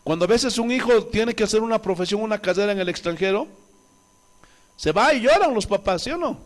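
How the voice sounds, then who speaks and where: High-voiced Bolivian pastor preaching. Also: male voice, lively intonation, fairly quick. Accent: Bolivian Spanish. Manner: impassioned, rhetorical questions to the congregation. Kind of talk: sermon.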